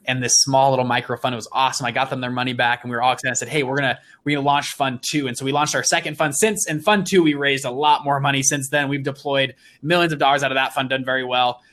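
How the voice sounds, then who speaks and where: A man's voice: medium pitch, fast talker, few pauses. A young man in his twenties, an interview guest, telling his story with energy and enthusiasm. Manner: energetic, enthusiastic, with frequent restarts.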